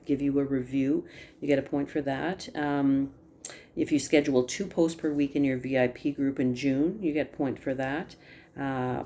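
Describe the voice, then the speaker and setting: On a video call, a team leader of direct sales consultants gives her team a casual update in a low, mellow voice. She's chatty and rambles a bit, full of ums and restarts, and apologizes for talking fast, with a faint room hum behind her.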